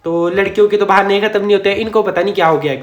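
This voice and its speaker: Male vlogger, high voice, chatty storyteller who chuckles and corrects himself, echoey room. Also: fairly even intonation, very fast, highs cut off. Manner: chatty, rambling, self-correcting, chuckles often. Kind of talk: casual storytime narration.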